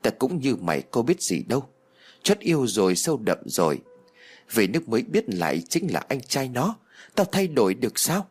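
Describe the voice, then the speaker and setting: A man voicing a proud young woman pleading with her friend in an audio story, with a husky tone. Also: medium pitch, very animated, moderate pace, darkish tone, pitched above the performer's own voice. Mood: tearful pleading.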